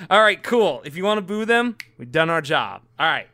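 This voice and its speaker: A man's voice: on the high side, sing-song, unhurried, pushed and bright. A man co-hosting a comedy podcast, rambling and joking, laughing often and swearing casually. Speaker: podcast co-host.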